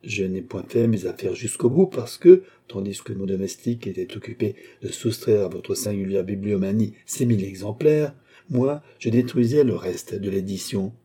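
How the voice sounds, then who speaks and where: An audiobook reader voicing a proud young chevalier who speaks in clipped, indignant lines while forcing himself to stay calm. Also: male voice, fairly low pitch, moderate pace, hardly any pauses, slightly rough. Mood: tense, indignant. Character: proud young chevalier, tense and barely controlled.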